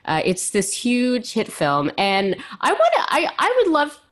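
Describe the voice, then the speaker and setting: A woman's voice: fairly high pitch, wildly swooping pitch, measured pace, fairly bright tone. A woman hosting a podcast, chatting casually and informally with frequent asides. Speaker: podcast host. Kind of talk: casual chat.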